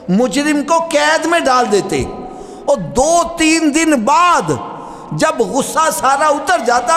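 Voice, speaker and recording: A middle-aged man preaching a sermon, telling stories and speaking directly to his listeners. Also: sits high. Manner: animated, storytelling with rising emphasis and asides to listeners. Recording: long reverb hall with faint ambience.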